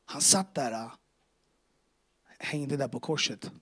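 A man's voice: mid-range voice, fairly bright tone, breathy edge. A man telling his faith testimony to a church audience, casual and earnest, with street slang and acted-out dialogue. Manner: emotional, earnest. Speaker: speaker giving a personal faith testimony.

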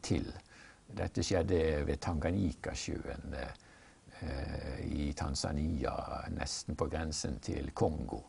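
A male preacher in an earnest, measured Bible discussion, explaining and telling stories. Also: very deep voice, fairly even intonation, creaky, a little mellow, slightly rough. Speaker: preacher, guest.

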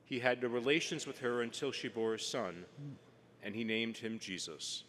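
A man's voice: medium pitch, normal speed, a bit bright. A man reading scripture at Mass as clergy, in a formal declamatory manner, his voice echoing as in a cathedral. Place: large reverberant church. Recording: long cathedral-like echo, background noise.

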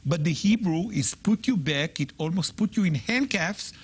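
Husky-voiced man, lively pitch, emphatic guest teacher who sounds words out. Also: normal speed. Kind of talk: animated teaching in a TV talk show.

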